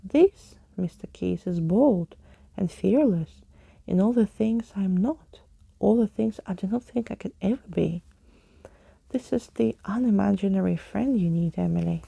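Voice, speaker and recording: Female reader as theatrical male skeleton adventurer for a storybook: very creaky, soft dark tone, florid old-world flourish. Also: mid-range voice, a little slow, no echo, exaggerated voice. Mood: apologetic, earnest. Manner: florid, exclamatory, old-fashioned wording.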